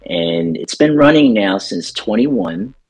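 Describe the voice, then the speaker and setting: A middle-aged man talking casually in an interview about his radio work, relaxed and rambling, with plenty of ums. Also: lowish voice, slow. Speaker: DJ and radio station owner.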